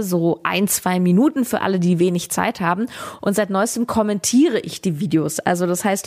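Chatty woman explaining a recipe. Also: mid-range voice. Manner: chatty, rambling, with frequent fillers and laughs. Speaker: podcast host.

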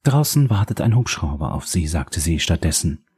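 A man's voice: sits low, big pitch swings, normal speed, a little mellow, exaggerated voice. A man voicing a smug, powerful woman official. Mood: condescending. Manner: smooth, condescending, silkily polite.

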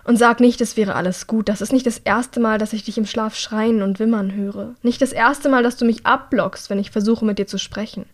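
A woman's voice: on the high side, fairly even intonation, moderate pace, few pauses, natural voice. A woman reading an audiobook, voicing a young man who pleads with his sister in an earnest, worried way. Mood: pleading. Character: worried caring young brother.

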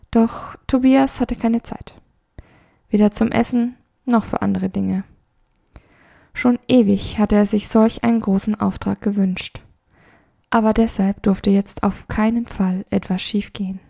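A woman hosting a calm mindfulness podcast, narrating a story in a soft, slow and soothing way, at times half-whispered. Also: medium pitch, vocal fry.

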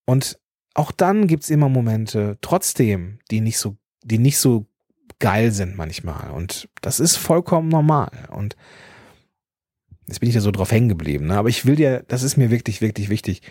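A man's voice: fairly low pitch, very animated, moderate pace, mellow, dry recording, studio quality. A German man in his thirties hosting a podcast, thinking aloud in a personal monologue, with restarts, fillers and a slight stutter on some consonants. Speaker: podcast host.

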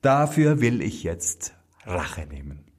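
A man's voice: fairly low pitch, very animated, takes it slowly, breathy edge, full character voice. A man voicing a bitter discharged soldier who gives curt, bossy orders, in a fairy tale reading. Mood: commanding.

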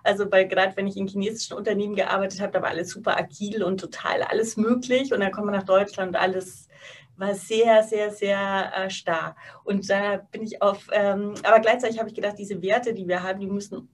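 A woman's voice: medium pitch, steady tone, fairly quick, far from the mic. Woman guest, a bit off-mic. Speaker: guest, co-founder. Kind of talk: conversational interview. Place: office space.

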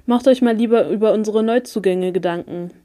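A woman's voice: mid-range voice, fairly quick, dark tone, natural voice. A woman reading the lines of a laid-back, secretive young man who turns sardonic and irritable. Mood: wry.

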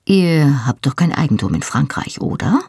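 A reader voicing a man, a modest, fussy lawyer who speaks in a hushed, half-whispered way in an audiobook. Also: on the high side, big pitch swings, normal speed, breathy edge, no echo, clean studio sound, exaggerated voice.

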